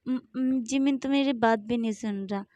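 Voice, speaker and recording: A woman's voice: a little high, normal speed, mellow, no room sound, muffled recording, lightly acted. Woman reading a bossy, doting young man, scolding, stumbling over words, storybook tale. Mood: defensive. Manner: scolding, stammering.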